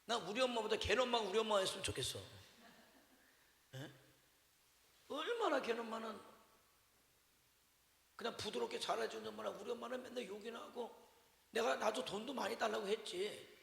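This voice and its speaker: Very high, creaky, bright and forceful, a man's voice rings through a reverberant church sanctuary. The pastor's Wednesday evening sermon is conversational, full of repeated questions to the congregation and funny anecdotes about his mother.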